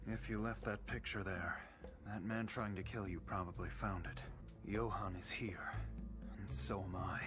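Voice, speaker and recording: A solitary fugitive doctor voiced by a man in an anime dub. His voice is deep and grave, his words short and determined, with a haunted weight. Loud dramatic music plays behind him. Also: fairly even intonation, normal speed, close to an everyday voice. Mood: resolute. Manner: grave, resolute, terse. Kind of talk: English anime dub acting.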